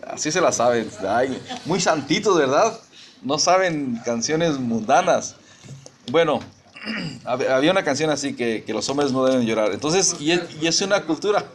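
A man's voice: fairly high pitch, lively intonation, normal speed. Man preaching a conversational sermon. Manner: conversational preaching with frequent restarts. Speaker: pastor.

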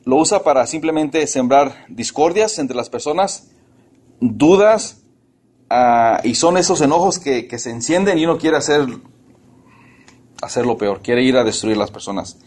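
A man preaching an earnest sermon to his congregation, calling them brothers and mixing pleading prayers with animated asides. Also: mid-range voice, a little slow, slightly rough.

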